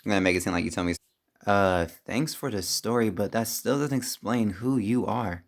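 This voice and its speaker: A man with a fairly low voice plays characters in a game roleplay. He talks with plenty of feeling, and his pitch leaps upward whenever his character gets worked up. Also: fairly quick, gravelly. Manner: emotional, pitch jumping up when upset. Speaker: roleplay player.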